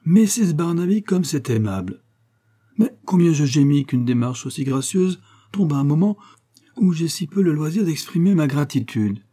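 A man's voice: mid-range voice, animated, moderate pace, dark tone, lightly acted. A man reading an audiobook voicing an effusive, evasive aristocratic lord who chatters jovially and talks over others. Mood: breezy jovial.

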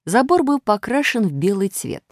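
A woman with a medium-pitched voice narrates a scripted children's audiobook at normal speed in an expressive storytelling manner. The studio sound is clean, with no echo.

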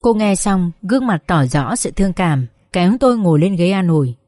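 A woman's voice: on the low side, animated, a little fast, darkish tone, no echo. A woman narrating a dramatized audiobook in an emotive first-person storytelling manner, on a close studio mic.

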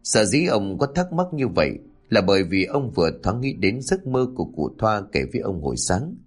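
Low-voiced male storyteller. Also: big pitch swings, normal speed, breathy edge. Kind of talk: scripted story narration. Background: faint background music.

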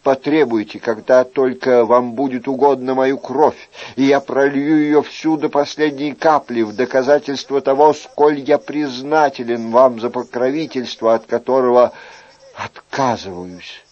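A man's voice: mid-range voice, steady tone, a little slow, darkish tone, highs cut off, close to an everyday voice. A man reading an audiobook, voicing an earnest, lovesick young male courtier in a fervent, pleading manner.

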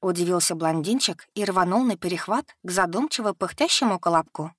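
A woman narrating a fantasy story in an even, unhurried reading. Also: lowish voice, slightly rough, dry recording, clean studio sound. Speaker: audiobook narrator.

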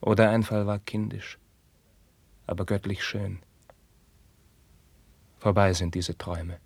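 Don Carlos, a tormented young prince. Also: male voice, fairly low pitch, little pitch movement, slow, vocal fry, breathy edge, no room sound, full character voice. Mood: brooding. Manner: declamatory verse, swings from hushed whispers to outbursts. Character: young anguished prince, passionate, tormented by forbidden love. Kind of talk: 1950s radio drama acting.

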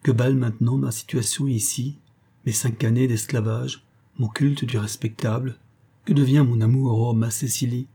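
A man's voice: medium pitch, fairly even intonation, normal speed, mellow, husky. A man voicing a brooding, guilt-ridden male pastor who hides a terrible past. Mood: desperate. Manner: tense, brooding.

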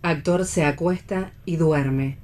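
Low, mellow woman reading stage directions. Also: slow pace.

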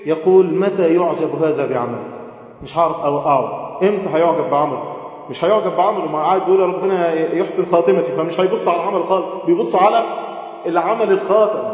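Male Egyptian preacher, high-pitched and emotive, heavy reverb from a big hall. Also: quick pace. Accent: Egyptian Arabic. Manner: emotive, swings between loud chanting and soft pleading. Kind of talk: sermon. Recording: booming echo with long hall reverb.

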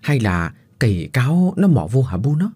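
A man voicing a gruff, irritable middle-aged country husband who snaps and shouts. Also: medium pitch, sing-song, moderate pace. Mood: puzzled. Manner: shouting, snapping angrily.

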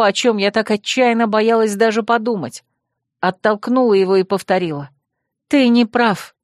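A woman's voice: medium pitch, no echo, clean studio sound. A woman narrating an audiobook in the first person, reading expressively.

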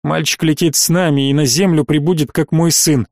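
A man's voice: on the high side, fairly even intonation, brisk, a little mellow, no echo, clean studio sound, lightly acted. A man voicing a stern, weary middle-aged space colonel who speaks in a clipped, commanding way, for an audiobook.

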